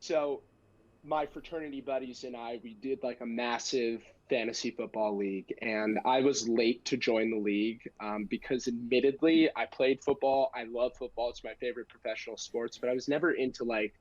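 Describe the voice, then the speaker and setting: A man's voice: mid-range voice, fairly even intonation, normal speed, dry recording, muffled recording. Casual young American man telling stories. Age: young adult. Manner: self-deprecating, joking, slangy. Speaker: guest, amateur stand-up comedian. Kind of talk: casual podcast storytelling.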